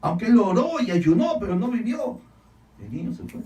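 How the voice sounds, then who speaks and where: A male pastor preaching a sermon, swinging from loud, emphatic lines to hushed ones, repeating phrases and calling on the congregation to answer. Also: sits high, very animated, moderate pace, echoey room, distant mic, low-quality recording. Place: church hall.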